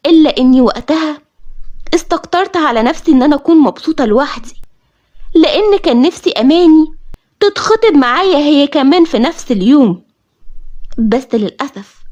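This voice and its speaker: A woman with an Egyptian accent narrating a dramatic first-person story in an emotive, measured reading, on a dull lo-fi recording. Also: high-pitched, darkish tone. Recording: dull lo-fi audio.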